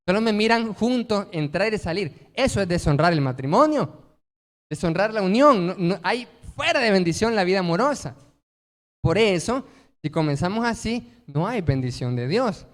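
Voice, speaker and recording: A pastor delivers a sermon to his congregation. His voice sits high for a man, and he leans hard on key words. He keeps asking the room questions and answering them himself. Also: animated, moderate pace, big-room sound. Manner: emphatic, asks rhetorical questions and answers them.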